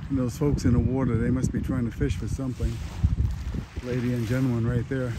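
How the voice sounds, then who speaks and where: A man's voice: medium pitch, level tone, brisk. A man vlogging casually while riding outdoors, narrating what he sees and teasing his wife. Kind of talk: casual chat. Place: outdoors on a bike ride in a village. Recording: outdoor recording with noise behind.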